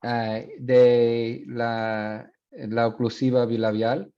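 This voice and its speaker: A university teacher explaining sound changes in a bilingual classroom lecture, mixing in English asides with frequent fillers. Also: male voice, mid-range voice, level tone, extremely slow, mellow, clear, resonant tone, highs cut off. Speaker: university Spanish phonetics teacher.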